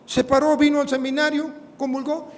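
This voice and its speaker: Priest preaching, lively storytelling, pretty high voice, big echoey hall, bit of hiss. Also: male voice, fairly quick. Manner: animated storytelling, acting out dialogue. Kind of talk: sermon, storytelling.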